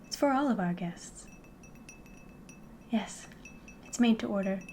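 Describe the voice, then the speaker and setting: In an ASMR roleplay, a woman voices a friendly, curious innkeeper running a fantasy tavern, speaking softly, politely and unhurriedly with a warm, welcoming mood. Her medium-pitched voice is breathy and lively in intonation, often dropping into a whisper, with a faint hiss or hum in the background.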